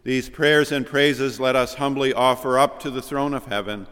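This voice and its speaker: A man leading a formal chapel service as minister, reading a bidding prayer in a solemn, measured, reverent way, his voice carried in a cathedral echo. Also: medium pitch, steady tone, a bit bright, clear, resonant tone. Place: large echoing chapel, indoors.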